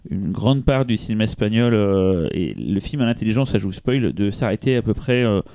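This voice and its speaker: A man talks casually on a podcast, wandering through his thoughts with lots of restarts. His voice sits low and sounds mellow rather than bright. The sound is dry and close. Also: expressive, brisk, no echo. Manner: rambling, many restarts and hesitations. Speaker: podcast co-host presenting a film. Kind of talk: casual chat.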